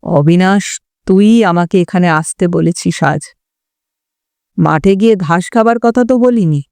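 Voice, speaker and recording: A level-headed young man who talks steadily and firmly, as a woman reader puts him on. The voice is a little lower than her own, slow, mellow and smooth. It is recorded close and dry. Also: dry recording. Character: calm young man, the first-person narrator. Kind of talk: audiobook character voice.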